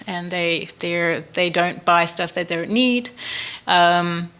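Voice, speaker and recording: A woman's voice: lowish voice, a bit bright, smooth. A woman panelist answering an audience question bluntly and emphatically in a lecture room. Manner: blunt, emphatic, quick to push back.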